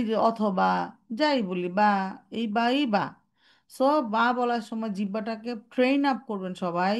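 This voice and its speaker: A young adult woman teaching Quran recitation in an online lesson, explaining step by step, asking and answering her own questions, and mixing English terms into her speech. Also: mid-range voice.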